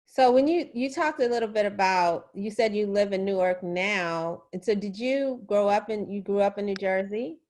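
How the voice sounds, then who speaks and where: A woman hosting a casual interview over a video call, friendly and quick to laugh. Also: medium pitch, a little mellow. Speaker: podcast host and interviewer.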